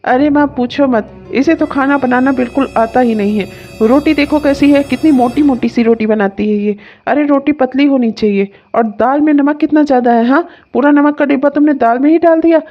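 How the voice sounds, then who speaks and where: A woman's voice: sits high, a little fast, warm tone, muffled recording, soft background music, natural voice. A woman voicing a rude grown son in a cartoon comedy, who mocks his wife's cooking and fawns over his boss on the phone. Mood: mocking, scornful. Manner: mocking, complaining; obsequious on the phone.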